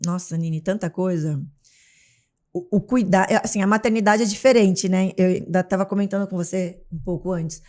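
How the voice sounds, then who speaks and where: A Brazilian mother of three speaks at normal speed in a fairly low voice as a guest on an interview show. She chats casually in a Brazilian Portuguese accent and acts out scenes as an animated storyteller.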